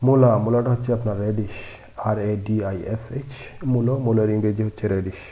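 A man's voice: on the low side, steady tone, fairly quick, warm tone, poor audio. A man teaching vocabulary, patiently spelling out each word letter by letter. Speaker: language teacher. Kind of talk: spelling out words in a vocabulary lesson.

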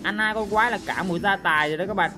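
A woman commentating on her own gameplay, excitable and full of loud, repeated exclamations. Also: medium pitch, racing. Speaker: game streamer. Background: game music and sound effects.

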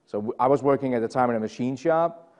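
Talking fast in a medium-pitched, slightly mellow voice, a middle-aged Danish man with a Danish accent presents a technical session in a conference room. He keeps it casual and chatty, full of fillers and self-deprecating asides, and sounds as if he's in a large hall.

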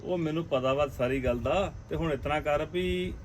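An easygoing husband with a humoring tone, as an actor plays him, talking over clear outdoor noise and passing cars in a Punjabi village drama. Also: male voice, on the high side, normal speed, far from the mic, close to an everyday voice. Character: mild, teasing husband of the elder sister.

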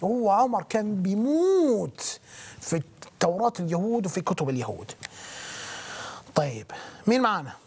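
A man with an Egyptian accent hosting a call-in religious talk show, talking fast and loud in an agitated way. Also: high-pitched, big pitch swings, breathy edge. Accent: Egyptian Arabic. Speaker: talk show host taking calls.

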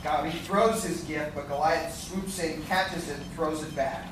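A man with a fairly high voice, fairly even intonation, and slightly slow pace narrates a live radio play, reading scripted stage directions. It's captured by a distant audience camera in a large hotel conference room with a seated audience, so the sound is distant and echoey with loud crowd noise.

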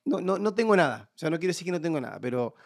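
A man in his forties with a Buenos Aires Argentine accent, a podcast guest telling his story in casual, animated chat and acting out the voices he quotes. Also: a little high, rapid-fire. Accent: Buenos Aires Argentine Spanish.

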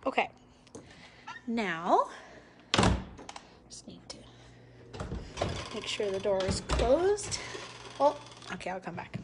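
Slow, upbeat woman on a house tour. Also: medium pitch, very animated, very noisy. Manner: upbeat, admiring, slow and deliberate. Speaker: real estate agent. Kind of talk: live virtual house tour. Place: large house indoors, walking room to room. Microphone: phone held at arm's length.

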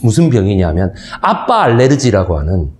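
Animated male lecturer in echoey hall. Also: on the low side, normal speed, slight background noise. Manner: animated storytelling, asks the audience for agreement. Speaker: history lecturer. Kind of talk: lecture for seniors.

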